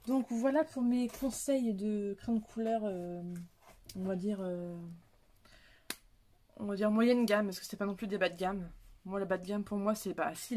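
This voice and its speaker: A young woman who vlogs about her coloring hobby chats casually while showing her coloring supplies, rambling with lots of fillers and restarts. Her voice is mid-range and mellow.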